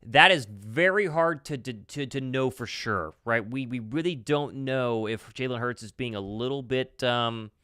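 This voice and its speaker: A man's voice: medium pitch, a little slow, few pauses, sharp tone, clear, resonant tone, no room sound, clean studio sound. A man co-hosting a casual sports talk show, reading out viewer comments and reacting to them. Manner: reads comments aloud, then reacts.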